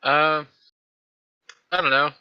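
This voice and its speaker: A man playing a tabletop game, talking in a hesitant, halting way with many restarts. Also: fairly high pitch, level tone, smooth, muffled recording. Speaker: player.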